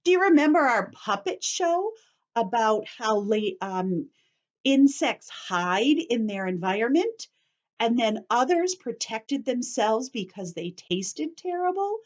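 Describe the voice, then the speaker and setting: A woman with a slightly high, very animated voice takes her time reading to young children. As a teacher, she explains simply, repeats key points and asks them questions, and the lo-fi recording sounds a bit dull.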